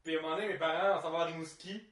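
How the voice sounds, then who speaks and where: A man with a Quebec French accent rattles through casual anecdotes at a quick pace. His voice is slightly high and comes from a little way off the mic. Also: fairly even intonation, fairly bright tone, recorded from a distance. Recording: echoey room, off the mic.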